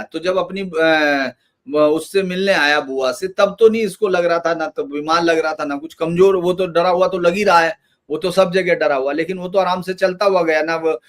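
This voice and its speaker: A man giving emphatic political commentary in a loose, run-on conversational manner. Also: on the high side.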